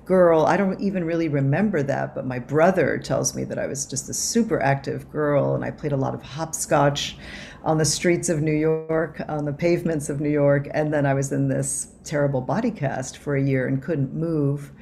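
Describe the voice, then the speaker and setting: Woman, low voice, gravelly, reflective, video call, faint hiss. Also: fairly even intonation, normal speed, darkish tone. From Cuba. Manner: reflective, many ums and restarts. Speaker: author and anthropologist. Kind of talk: relaxed interview answers. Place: home office.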